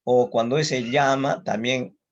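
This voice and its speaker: A man with a Peruvian accent giving a slow, deliberate lecture, listing example words and often adding a questioning "no?". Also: mid-range voice, fairly even intonation. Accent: Peruvian Spanish. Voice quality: gravelly, husky. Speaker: psychologist giving a conference talk. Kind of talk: online lecture. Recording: muffled lo-fi audio.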